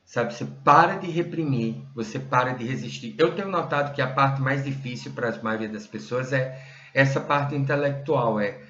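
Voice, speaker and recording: A man's voice: mid-range voice, normal speed, bright, forceful tone. A man teaching a meditation method straight to the viewer, conversational and full of tag questions. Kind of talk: direct-to-viewer teaching talk. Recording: roomy, dull lo-fi sound.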